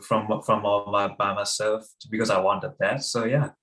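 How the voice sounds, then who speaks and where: A young man talks as a guest on a casual interview podcast. His voice sits a little low. He hesitates often and fills gaps with pauses. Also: flat delivery, fairly bright tone. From Sri Lanka. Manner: hesitant, many fillers.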